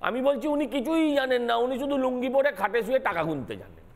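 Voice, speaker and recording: A man's voice: very high voice, sing-song, fast, in a large hall. Emphatic man on a remote feed. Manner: emphatic, accusatory, repeats himself. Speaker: councillor guest. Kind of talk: heated political debate.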